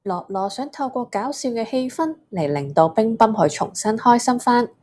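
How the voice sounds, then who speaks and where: A woman with a Hong Kong Cantonese accent, presenting a scripted mindfulness lesson for children as a gentle emotion coach. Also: medium pitch.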